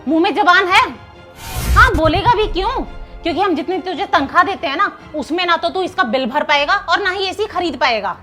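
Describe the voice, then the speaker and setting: A woman's voice: very high-pitched, lively intonation, brisk, pushed and bright, faint music behind, heavily acted. A woman acting a bossy wealthy house mistress who scolds and taunts in a short drama skit. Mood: scolding. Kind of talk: scripted Hindi skit acting.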